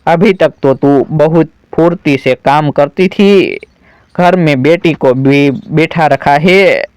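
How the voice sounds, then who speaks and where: A man's voice: on the high side, takes it slowly, darkish tone, clean tone, no room sound. A man voicing a blunt, nosy neighbor woman in a spoken story, reading her lines plainly. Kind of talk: storybook narration.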